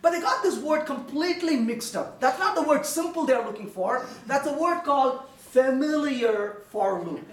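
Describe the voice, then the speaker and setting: Man, high lively voice, live coding talk, playful, echoey room, distant mic. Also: moderate pace, hardly any pauses. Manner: playful, joking, acts out little voices. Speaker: conference speaker. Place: lecture room with audience.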